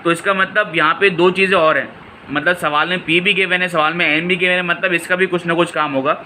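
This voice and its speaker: Bright-voiced tutor. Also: male voice, high-pitched, fairly even intonation, fairly quick, a little hiss or hum, low-quality recording. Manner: calls students "beta", asks and answers his own questions. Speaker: physics tutor. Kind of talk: exam solution walkthrough.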